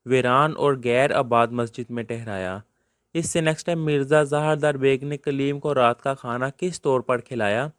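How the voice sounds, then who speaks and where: A man with a Pakistani Urdu accent teaches a textbook lesson in a steady middle-pitched voice, reading each question and then its answer. His tone is smooth and resonant, and he mixes English words into his explanations. The recording is close and dry, with no room sound around him. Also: dry recording.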